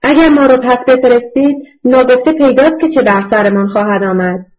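A desperate young woman begs and argues with the police, as a woman reader puts her on. Her voice rises above the reader's usual pitch. The audiobook recording sounds dull and lo-fi. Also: natural voice. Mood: indignant. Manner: pleading, indignant.

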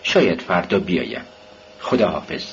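An earnest, troubled young man speaking low and subdued, as a male reader puts him on. His delivery is quieter than the narration. The recording is dull and lo-fi. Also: lively intonation, slight background noise.

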